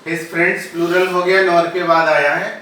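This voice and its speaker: Slow, bright-voiced man teaching grammar. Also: high-pitched, little pitch movement, recorded from a distance. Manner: slow, spells words out letter by letter; explains in Hindi with English examples. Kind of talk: recorded classroom-style lesson. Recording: echoey room, voice from off-mic, faint ambient noise.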